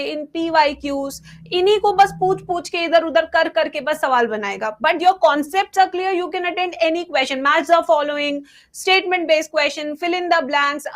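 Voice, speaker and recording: A young woman teaching biology for an exam, mixing Hindi and English, slowly dictating table entries and then breaking into quick asides to her students. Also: high-pitched.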